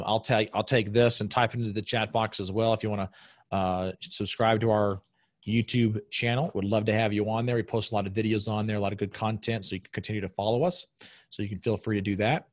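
Low-voiced man hosting a webinar Q&A. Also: fairly even intonation, fast talker, no echo, clean studio sound. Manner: conversational, explanatory, frequent fillers and restarts. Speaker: webinar host answering audience questions. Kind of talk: live webinar Q&A.

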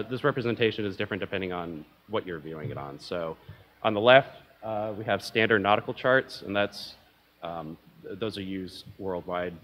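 A man's voice: low-pitched, a bit bright. A young man presenting at an academic conference from a lectern, talking casually with frequent ums and uhs and a self-deprecating humor.

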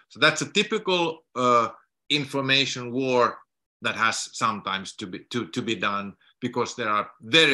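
Speaking from a book-filled home study over video, this middle-aged Finnish guest lecturer has a voice that's on the low side with vocal fry, yet strikingly bright. His delivery is halting, marked by many restarts and repeated words.

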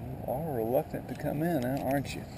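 A man's voice: mid-range voice, fairly quick. A man giving casual fishing commentary, talking to the fish in short murmured remarks outdoors. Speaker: angler. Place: outdoors on a lakeshore. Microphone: body-worn action camera. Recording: windy, noisy outdoor action-camera audio.

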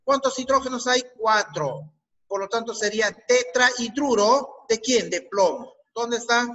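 A man's voice: extremely high pitch, measured pace, bright, forceful tone, poor audio. A man teaching a chemistry class with a Peruvian Spanish accent, asking students questions and repeating their answers. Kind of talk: online class lesson.

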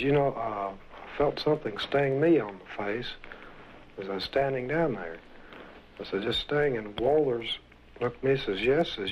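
A man giving hesitant eyewitness testimony in plain, folksy words, heard from an old vinyl record. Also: mid-range voice. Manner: hesitant, many fillers, plain folksy wording. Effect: old vinyl record, muffled with faint surface hiss. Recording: muffled old vinyl record with faint hiss.

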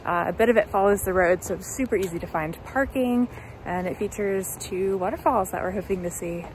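A woman's voice: mid-range voice, a little fast. A woman vlogging a road trip, chatting upbeat about trails and plans as she goes. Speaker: travel vlogger. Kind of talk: casual travel vlog narration. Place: outdoors on hiking trails and city streets. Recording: noisy outdoor camera audio.

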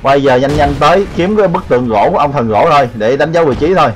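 An excitable man commentates on his own gameplay, quick to exclaim and joke. His voice sits slightly high. Faint game music plays under his talk. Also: low-quality recording. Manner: excitable, shouting exclamations, joking. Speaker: gaming channel host.

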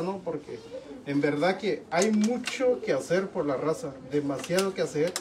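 Man, earnest and halting, small meeting room, distant camera mic. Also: on the high side. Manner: earnest, hesitant with many fillers. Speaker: community meeting speaker. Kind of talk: impromptu speech at a meeting. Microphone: far camera.

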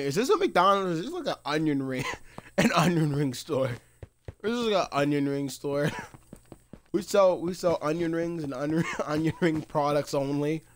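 A man's voice: a little high, a little hiss or hum. A man streaming a video game live, talking casually as he plays, muttering to himself and laughing often. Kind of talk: casual live gameplay commentary.

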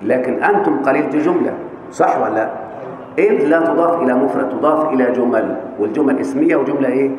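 A man lecturing on Arabic grammar with an Egyptian accent, often pausing to quiz his students on the answer. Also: mid-range voice, darkish tone, slight background noise. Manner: questioning students, coaxing answers. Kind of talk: classroom lecture. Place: large mosque hall. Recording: echoey hall with faint ambience.

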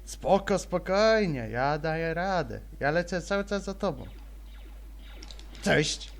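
A young man giving casual, rambling let's-play commentary, chattering almost without pause as he plays. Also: fairly high pitch, animated. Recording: faint noise, game sound behind.

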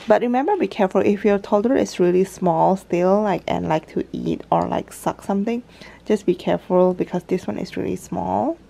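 A young mother and parenting vlogger talks through a casual how-to home vlog in her living room, explaining toys step by step in a chatty way. Her voice is medium-pitched, creaky and mellow at normal speed, and she stays off screen while a handheld camera films from above.

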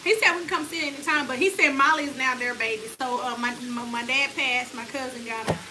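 A woman's voice: high voice, fast. A woman co-hosting a home cooking vlog, chatting and teasing her partner in a casual way. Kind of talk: casual chat. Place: home kitchen with frying food. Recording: noticeable background noise.

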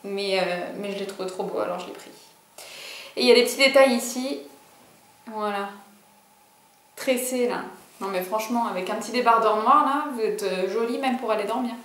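A woman's voice: on the high side, brisk, long pauses, a bit bright. Chatty young woman in an echoey room. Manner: chatty, bubbly, many fillers and asides. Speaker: vlogger. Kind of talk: casual clothing haul.

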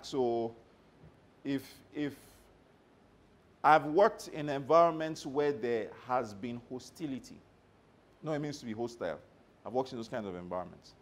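Animated man giving a workshop talk. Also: medium pitch. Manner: animated storyteller who checks in with the audience. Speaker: motivational trainer. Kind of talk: live workshop talk to staff.

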